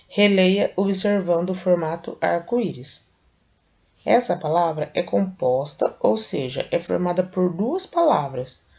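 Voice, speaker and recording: A Brazilian woman teacher with a Brazilian Portuguese accent, slowly and patiently explaining a lesson step by step to young children. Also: lowish voice, expressive, gravelly, darkish tone. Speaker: primary school teacher. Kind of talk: recorded video lesson for children.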